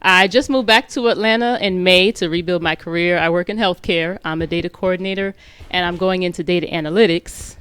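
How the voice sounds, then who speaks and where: A woman's voice: lowish voice, brisk, fairly bright tone, smooth. A woman in her thirties from Orlando, Florida, a guest on a dating talk show, introducing herself plainly. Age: 30s.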